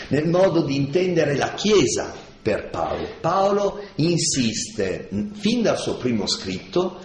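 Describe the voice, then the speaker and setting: A man giving a slow, deliberate lecture on scripture, stressing key words and asking rhetorical questions. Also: a little high, darkish tone, a little hiss or hum. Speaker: lecturer on Paul's letters. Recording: echoey room with faint ambience.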